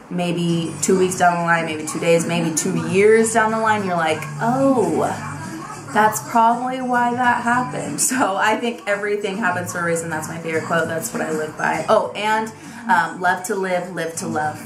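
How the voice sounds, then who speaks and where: A woman in her twenties, a beauty vlogger, chats casually and animatedly to camera in a tag video, leaning on lots of fillers. She's indoors in a small bedroom with a vanity, and her lowish voice has a roomy sound.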